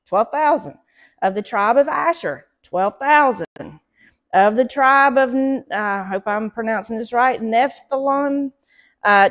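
Her voice a touch high, a middle-aged Southern woman reads scripture aloud and then explains it, pausing and using fillers, as she leads a church Bible study at an easy pace. She's heard from a camera on the far side of a small fellowship hall.

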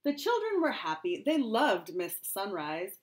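In a small room at home, a middle-aged kindergarten teacher reads a rhyming picture book to children. Her mid-range voice is unhurried, and she tells the story expressively in a sing-song way.

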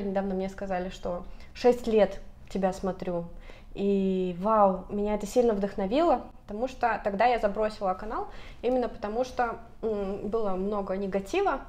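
This is a casual vlog by a woman in her thirties with a mid-range voice. She addresses the camera animatedly, gesturing often, wearing a lapel mic in a bright apartment room.

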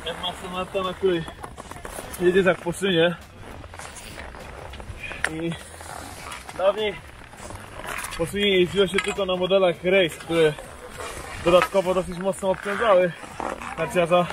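A man's voice: sits high, little pitch movement, measured pace, pauses often. Young man on a windy ski slope. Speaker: ski tester. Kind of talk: product review. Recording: outdoor slope with wind noise.

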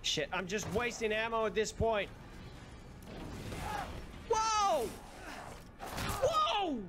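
A game streamer commentating live gameplay, excitable, swearing a lot and yelling at the game. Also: medium pitch, normal speed, heavy background noise.

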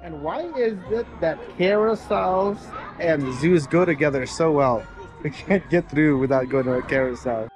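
A man's voice: fairly high pitch, moderate pace. A middle-aged man narrating a casual walking-tour vlog with a camera held at arm's length, chatty and upbeat as he walks. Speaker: family vlogger. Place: outdoors at a zoo. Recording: outdoor noise.

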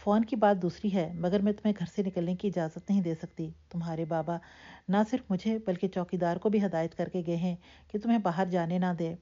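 A woman's voice: on the low side, fairly even intonation, lightly acted. A woman narrator voicing a stern middle-aged mother who speaks sharply, on a dull lo-fi recording. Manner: sharp, then somewhat softer.

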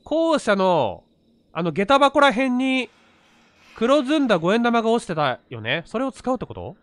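A man's voice: very high-pitched, big pitch swings, normal speed, a bit bright, no echo. A man casually commentating a horror game, talking to himself and reading screen text aloud. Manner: talks to himself, narrating each step. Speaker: gamer playing a horror game.

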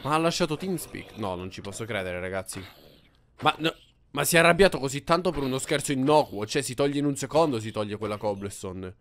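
A man's voice: medium pitch, a little fast, a little hiss or hum. Playful young man hosting a game video. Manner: playful, teasing, shouts in bursts. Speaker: gaming YouTuber. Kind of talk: Minecraft let's play with prank banter.

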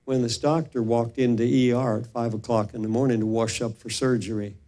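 An older male pastor gives a sermon testimony at a middle pitch, in a steady, mellow tone and at a fairly quick pace. He tells his story with animation, slipping into the voices of the people he quotes.

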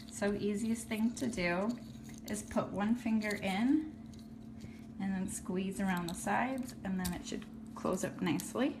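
A woman's voice: mid-range voice, creaky, background noise. Casual woman talking through a craft tutorial. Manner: friendly and practical, talking while working with her hands. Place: indoors at a table. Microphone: phone camera filming hands from above.

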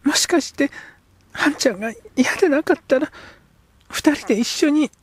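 A man doing a young edo girl, breathy and earnest. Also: extremely high pitch, normal speed, voice pushed up. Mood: pleading, earnest. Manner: pleading, breathy half-whispers. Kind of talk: audiobook character voice.

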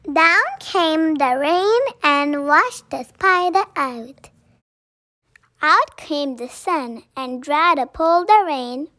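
A child reading a picture book aloud in a careful, deliberate way. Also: high-pitched, sharp tone, no echo, clean studio sound. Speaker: story reader.

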